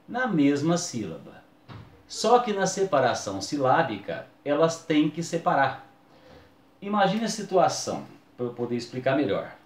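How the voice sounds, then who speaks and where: A man's voice: medium pitch, reverberant. A man, teaching a video lesson and drawing out key words for emphasis.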